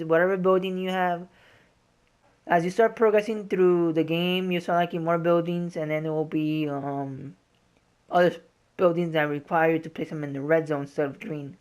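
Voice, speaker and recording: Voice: medium pitch, a little mellow, clear, resonant tone. A gaming host giving informal, explanatory walkthrough commentary in a casual style.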